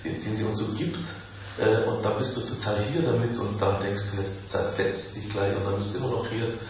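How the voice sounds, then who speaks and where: A man, a spiritual teacher giving a calm, reflective satsang talk with slow pauses. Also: fairly low pitch, slight background noise. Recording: echoey room from far off, dull.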